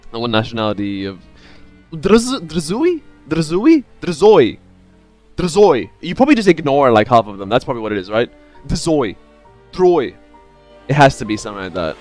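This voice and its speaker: A man's voice: mid-range voice, sing-song, fast talker, soft background music. A man in his thirties giving casual, playful live gameplay commentary, thinking aloud as he streams. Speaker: video game streamer.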